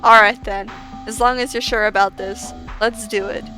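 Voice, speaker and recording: A woman voicing a hefty, blunt slug cat creature in a game, speaking in a flat, matter-of-fact way. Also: medium pitch, normal speed, soft background music, close to an everyday voice, rough recording. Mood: resigned.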